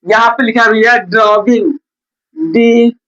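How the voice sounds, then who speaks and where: Faint music plays behind a patient male tutor giving a blackboard reading lesson in a coaching classroom. His high voice is a bit bright and fairly quick, and he frequently repeats "theek hai" and "bhaiya." The sound is dull and lo-fi.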